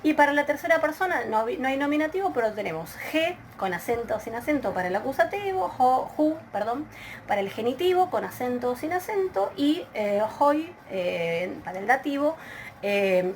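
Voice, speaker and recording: A woman's voice: fairly high pitch, animated, normal speed, slight background noise. Argentine woman teaching a recorded lesson. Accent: Argentine Spanish. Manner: explanatory, many filler hesitations and restarts. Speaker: Greek language teacher. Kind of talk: recorded video lecture.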